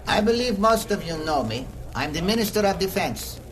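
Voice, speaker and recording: An actor playing a formal government minister addressing a meeting in oratorical old radio show style. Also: male voice, high-pitched, very animated, normal speed. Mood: grave. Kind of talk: old radio show drama acting, public speech. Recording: crowd murmur behind the speech.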